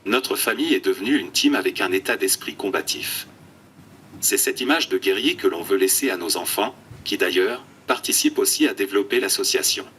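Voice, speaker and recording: A man's synthetic text-to-speech voice giving prepared interview answers in an even, robotic, scripted way. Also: low voice, a little fast, far from the mic, a little hiss or hum. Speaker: interview guest.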